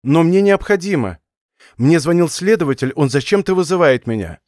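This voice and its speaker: A man's voice: a little high, lively intonation, darkish tone, no room sound, studio quality, pitched above the performer's own voice, close to an everyday voice. A man voicing a stubborn young woman student. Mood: insistent. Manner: pleading, headstrong, quick.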